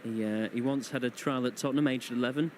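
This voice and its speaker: A man's voice: mid-range voice, steady tone, quick pace, a little mellow. A man giving comedic live football commentary, joking and quipping with puns. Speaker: match commentator. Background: clear outdoor ambient noise.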